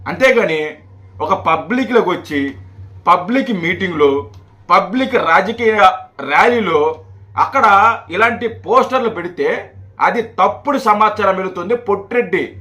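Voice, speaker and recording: A man's voice: high voice, animated, measured pace, pauses often, bright, forceful tone. A man giving heated, mocking political commentary on a video channel. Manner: mocking, scolding, repetitive.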